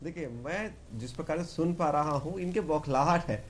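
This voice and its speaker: High-voiced man rebutting assertively. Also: normal speed, a little hiss or hum. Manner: assertive, rhetorical questioning. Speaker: party spokesperson. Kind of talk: heated televised debate.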